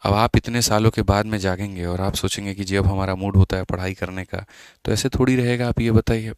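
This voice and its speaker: A man's voice: on the low side, steady tone, brisk, a little mellow, clear, resonant tone, no room sound. A man teaching maths in a live online exam-prep class, chatty and scolding his students, mixing English terms into his talk.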